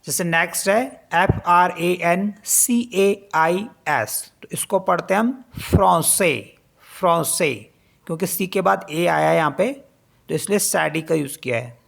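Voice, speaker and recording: Slow, low-voiced woman teaching French. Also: gravelly. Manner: spells words letter by letter, repeats each pronunciation slowly; explains in Hindi mixed with English words. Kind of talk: spoken language lesson.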